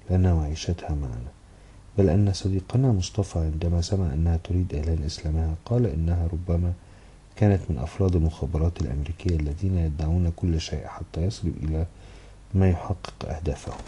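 A man reads a first-person novel aloud in a very deep voice. His tone is dark and heavy, and he moves through the text at a brisk, steady clip with a measured literary delivery. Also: slightly rough. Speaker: audiobook narrator.

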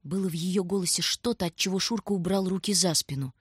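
A woman narrating an audiobook story in a calm, measured way. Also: on the low side, slightly rough, dry recording, clean studio sound.

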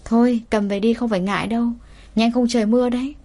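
A woman's voice: on the high side, steady tone, fast talker, warm tone. A woman voicing a kind middle-aged butcher woman who talks in a teasing, motherly way. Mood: kindly teasing.

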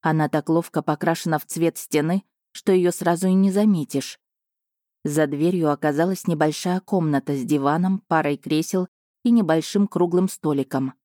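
A woman narrating a first-person romance novel in a measured storytelling manner. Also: low voice, dark tone, no echo, clean studio sound. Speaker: audiobook narrator.

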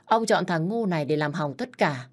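A woman reading the lines of a cold, ruthless young man who heads for control of a crime family, with calm, mocking menace. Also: deep voice, normal speed.

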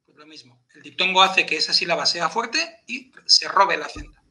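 A man's voice: sits high, animated, normal speed, pushed and bright. A man explaining pronunciation rules step by step in a patient teaching chat, checking in with his listener. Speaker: podcast presenter teaching Elvish pronunciation.

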